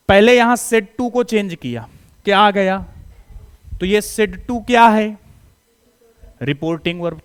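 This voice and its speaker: A man's voice: high voice, clear, resonant tone. A man with a Hindi accent teaching English grammar to students. He keeps asking quiz questions and answering them himself, in a coaxing, reassuring tone. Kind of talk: classroom grammar lesson.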